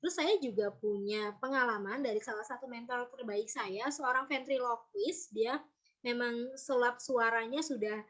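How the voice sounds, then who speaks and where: Brief: animated woman storytelling coach, fairly high voice, casual workshop delivery with quick voice demos. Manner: lively, demonstrates voices and intonations. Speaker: storytelling trainer.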